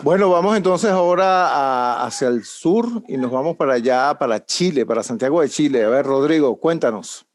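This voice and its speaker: A man's voice: medium pitch, moderate pace, hardly any pauses, no room sound. A man hosting an online panel, asking questions in a friendly, upbeat way. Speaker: host. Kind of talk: panel interview host.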